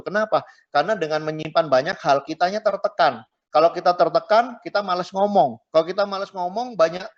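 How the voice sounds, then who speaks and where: A middle-aged man, a pastor, teaching a marriage class in a chatty way, tagging his phrases and mixing in English words. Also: fairly high pitch. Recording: dull lo-fi recording.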